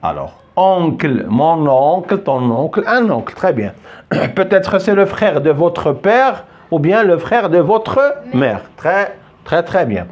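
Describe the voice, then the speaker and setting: A man gives a slow, patient phonics lesson, repeating each word and praising often. His pitch sits a little high and swings widely. The recording sounds slightly dull and lo-fi. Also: very animated. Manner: patient, repeats words many times, praises with "très bien". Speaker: French teacher.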